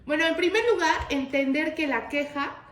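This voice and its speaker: A woman leads a religious study session, and her voice sits high. She talks to the group as brothers and keeps it casual, peppering her teaching with rhetorical questions. The sound is roomy, with a clear echo off the walls. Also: steady tone, normal speed, fairly bright tone. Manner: addresses listeners as brothers, asks frequent rhetorical questions. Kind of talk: conversational religious lesson.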